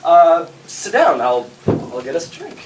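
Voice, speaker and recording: An actor playing an eager, deferential inventor, excitable and prone to stammering, in scripted film dialogue. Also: male voice, on the high side, measured pace. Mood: nervously upbeat. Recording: echoey room, distant mic, noisy clicks.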